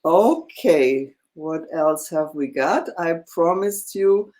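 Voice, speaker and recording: A woman teaching a one-on-one language lesson, explaining slowly with many fillers and checking in with "yeah?". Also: low-pitched, animated, a little mellow. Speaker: German teacher.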